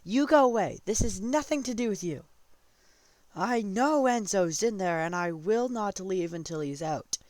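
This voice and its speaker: A defiant young woman, voiced by a man telling a tabletop story. She is curt and insistent and pitched up high. She holds her ground and orders others off. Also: animated, measured pace, few pauses, dry recording.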